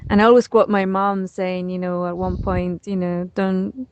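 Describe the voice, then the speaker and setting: A woman's voice: fairly low pitch, level tone, moderate pace, a little mellow, lo-fi sound, a little hiss or hum. A woman in her forties from Chile, telling stories in a casual interview, with hesitant, restarting phrasing and easy laughter. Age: 40s. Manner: hesitant, many fillers and restarts, laughs easily. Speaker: interview guest. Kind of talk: casual conversational storytelling.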